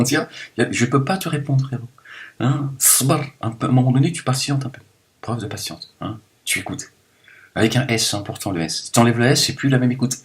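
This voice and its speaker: A man talking straight to his viewers in a loose, rambling monologue, joking and swinging between loud bursts and low mumbles. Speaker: video blogger.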